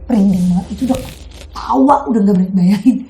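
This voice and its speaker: A young woman, hosting a casual chat and telling a story in an animated, dramatic way. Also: medium pitch, fast, a little hiss or hum. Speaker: host. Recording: echoey room.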